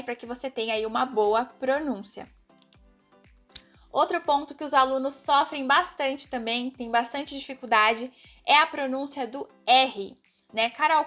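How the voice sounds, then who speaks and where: A Brazilian woman teaching German pronunciation in an online lesson, explaining step by step and repeating example words slowly. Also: high voice, a bit bright.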